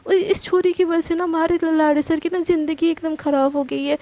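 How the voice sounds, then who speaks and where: A woman's voice: very high-pitched, fairly even intonation, a little fast, warm tone, dry recording. Woman doing a stern rural mom-in-law, rustic dialect, dry close sound. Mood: scolding. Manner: bossy, scolding, rustic dialect. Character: stern scolding village mother-in-law.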